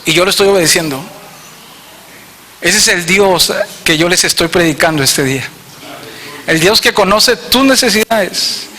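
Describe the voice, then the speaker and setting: High, bright-voiced Mexican pastor preaching. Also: male voice, moderate pace, long pauses. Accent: northern Mexican Spanish. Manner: storytelling, animated, addresses congregation directly. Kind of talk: sermon. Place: church hall. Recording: reverberant church hall.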